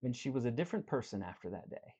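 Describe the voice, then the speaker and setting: The recording sounds lo-fi, and the man speaking has a husky, medium-pitched voice and a fast delivery. Acting as a life coach, he tells a work story in an earnest, direct motivational talk, alternating between animated and quiet.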